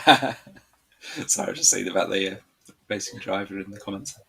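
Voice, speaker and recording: A man's voice: low-pitched, moderate pace, gravelly, crowd noise. A man co-hosting a casual live quiz lesson as a tutor, light-hearted and encouraging.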